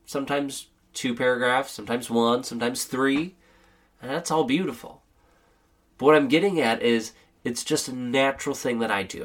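A man hosting a motivational podcast, speaking in an encouraging, gently paced way while sick. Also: mid-range voice. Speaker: podcast host.

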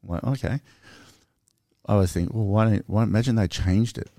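Man, deep voice, dry close sound, earnest, animated, podcast co-host. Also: quick pace, vocal fry, no echo. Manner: earnest, animated explaining with restarts. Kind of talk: casual conversation.

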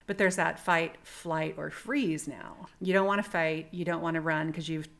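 A middle-aged woman with a low voice and gravelly fry tells a story in relaxed podcast chat. She reflects as she goes, restarting sentences while she works out her thoughts. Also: moderate pace. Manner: reflective, thinks aloud with restarts. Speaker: podcast co-host.

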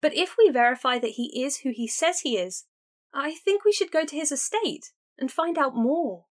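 In this audiobook character voice, a woman raises her pitch high above her natural voice to play an eager young woman pleading urgently with her sister to take a chance. The delivery is animated, at normal speed, bright and persuasive.

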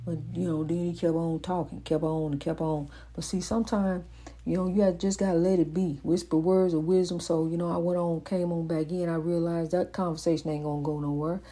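This time her lowish, mellow voice is brisk and flat as she hosts her motivational show from home. The faith-driven monologue wanders, repeating phrases for emphasis and filled with fillers and restarts.

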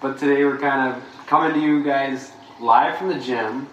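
A man's voice: medium pitch, moderate pace, a bit bright, dull audio. A man hosting a gym podcast in easygoing casual chat, recorded in an empty gym. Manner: easygoing, laughs readily. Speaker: gym coach and podcast host. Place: empty gym on a rainy day. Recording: roomy, distant mic with faint hiss.

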